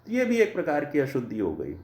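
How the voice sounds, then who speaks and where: A man teaching a grammar lesson, explaining slowly and deliberately through worked examples. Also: fairly high pitch, huge pitch swings, a little mellow, reverberant. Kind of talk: classroom lecture.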